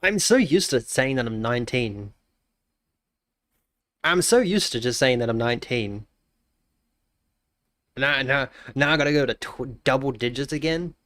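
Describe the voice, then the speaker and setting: A man in his twenties with a blocked nose chats casually on a live stream, joking, warmly greeting chat, and often trailing off into mumbles. His voice is medium-pitched, with no room sound.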